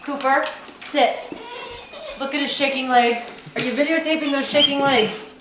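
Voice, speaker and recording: A woman's voice: sits high, steady tone, fairly quick. A woman casually narrating a home video and talking to her dog, as a pet owner picked up on a camera mic. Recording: roomy, distant camera mic with heavy noise.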